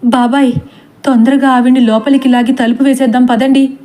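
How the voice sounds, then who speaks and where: A woman's voice: high voice, little pitch movement, a little fast, dark tone, natural voice. A woman voicing a frightened young woman who pleads in a trembling, tearful way in a storybook reading. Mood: anxious.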